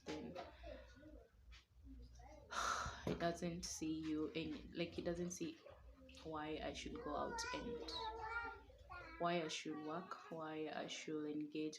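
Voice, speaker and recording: Kenyan woman vlogger, low gravelly voice, pleading and sometimes whispering, noisy phone audio. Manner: emotional, pleading, at times whispering. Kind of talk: emotional personal vlog. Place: small single room indoors.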